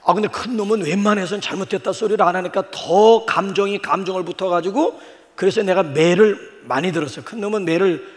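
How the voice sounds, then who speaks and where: An older man, a pastor, preaching a sermon with folksy stories and sudden animated exclamations. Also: high-pitched, big-room sound.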